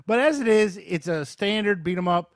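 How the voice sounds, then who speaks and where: A podcast host with a slightly high-pitched male voice chats casually about video games, reviewing them in short, slangy, informal bursts. He sounds expressive and talks at a normal speed. The recording is very dry and close-miked, with no room echo.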